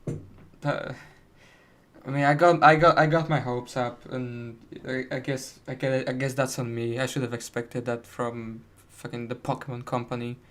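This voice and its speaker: A man's voice: mid-range voice, level tone, normal speed, a bit bright. A man co-hosting a podcast from home, talking casually over a voice call in a laid-back way, swearing and restarting his sentences. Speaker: podcast co-host.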